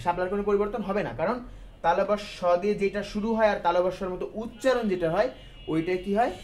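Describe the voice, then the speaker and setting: Teaching grammar to his students, a man explains things one step at a time, posing questions he then answers, in a casual style sprinkled with English words. His voice is high-pitched, and the recording carries a little hiss or hum.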